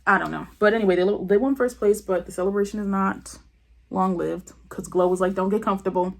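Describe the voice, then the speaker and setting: A woman's voice: medium pitch, brisk, gravelly. A woman giving a candid, opinionated review of a television show in casual commentary, acting out the people she quotes. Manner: candid, chatty, with frequent fillers; acts out quoted people in her retelling.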